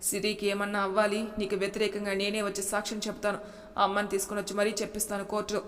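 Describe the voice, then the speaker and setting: Woman narrator as a stern big brother telling off his sister, flat and firm, echoey room. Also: mid-range voice, racing, lightly acted. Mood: scolding. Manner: scolding, firm. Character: harsh protective older brother Vinay. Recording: reverberant room with faint noise.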